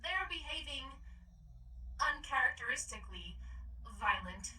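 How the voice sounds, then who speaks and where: A woman voicing a calm, polite female station AI in a video game, speaking in a measured, machine-like way. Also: sits high, a little hiss or hum, full character voice. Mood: courteous. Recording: distant game audio over music.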